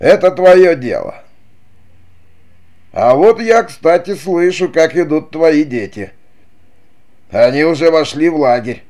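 A man's voice: mid-range voice, slow, darkish tone. A man voicing a vengeful, mocking male chief who taunts his brother in an audiobook, sneering and cruel. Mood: taunting. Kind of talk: audiobook character reading.

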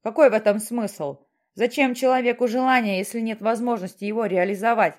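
A woman's voice: on the high side, steady tone, a little fast, darkish tone, close to an everyday voice. A woman voicing a stern, mysterious voice from the sky that questions and lectures insistently.

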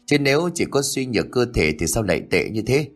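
A man's voice: medium pitch, very animated, a little fast, faint music behind. A man voicing a worried, scolding middle-aged mother in an audio story. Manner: scolding, fretful.

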